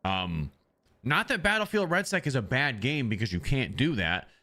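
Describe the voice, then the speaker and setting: A man's voice: medium pitch, sing-song, normal speed, bright, forceful tone. A man chatting loosely to his viewers as a streamer, rambling with many ums, speaking into a desk microphone. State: has the hiccups. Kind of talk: casual livestream chat.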